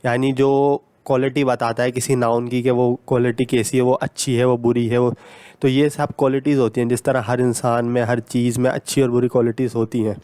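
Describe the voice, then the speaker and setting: A man gives a grammar lesson at a mid-range pitch. He explains patiently and goes over each point again, dropping English grammar terms into his sentences. The sound is dry and close, with no room echo. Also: little pitch movement, a little fast, dark tone, smooth.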